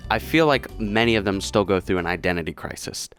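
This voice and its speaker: A young man chatting casually and jokily while ranking countries, often trailing off quietly at the ends of phrases. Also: fairly low pitch, lively intonation, a little fast, clean tone, no room sound, faint music behind. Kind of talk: casual commentary vlog.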